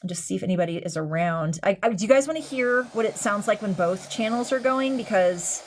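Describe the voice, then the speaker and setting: A woman's voice: mid-range voice, lively intonation, fairly quick. A woman hosting a casual livestream, chatting to viewers in an informal, slangy, sweary way. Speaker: livestream host. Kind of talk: casual live chat with viewers. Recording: clear hiss and static noise. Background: noisy spirit box radio static.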